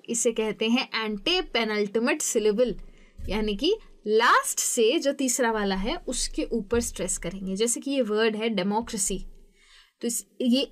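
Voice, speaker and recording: A young woman teaching an English lesson, explaining patiently step by step and saying example words slowly. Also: on the high side.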